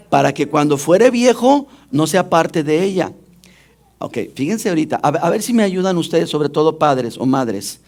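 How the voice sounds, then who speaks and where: A man's voice: on the high side, a little mellow. A man preaching a sermon as pastor, often putting questions directly to the congregation.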